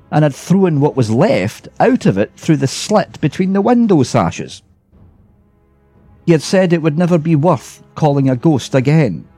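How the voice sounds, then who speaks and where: Guy reading a ghost story out loud, warm low tone, dry close sound. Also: no room sound. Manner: measured first-person storytelling. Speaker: reader. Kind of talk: scripted storybook narration.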